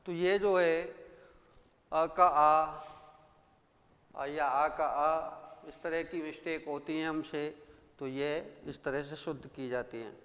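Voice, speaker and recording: A male teacher giving a grammar lesson, who repeats each word slowly and asks his own questions and answers them. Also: fairly high pitch, fairly even intonation, fairly bright tone, big-room sound.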